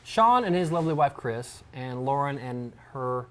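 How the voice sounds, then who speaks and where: A man's voice: mid-range voice, expressive, moderate pace, background noise. A man hosting a casual comedic chat show in a toy shop, rambling and joking as he plugs things. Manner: rambling and jokey, plugging things. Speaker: show host.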